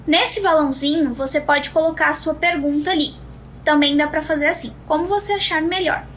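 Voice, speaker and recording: High-voiced Brazilian woman teaching speaking skills. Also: steady tone, brisk, fairly bright tone, slight background noise. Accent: Brazilian Portuguese. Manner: didactic, direct address to viewers, acts out example voices. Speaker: communication and public speaking teacher. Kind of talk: live-streamed lesson. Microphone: phone.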